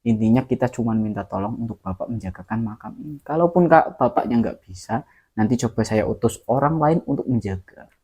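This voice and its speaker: A man doing a hushed, low-voiced sinister henchman. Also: lively intonation, brisk, slightly rough. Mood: quietly menacing.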